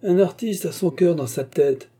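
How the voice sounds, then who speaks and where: Teasing amused painter voiced by a man, brighter and higher than the narration, husky. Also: moderate pace. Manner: breezy, teasing. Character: cheerful amused male painter friend.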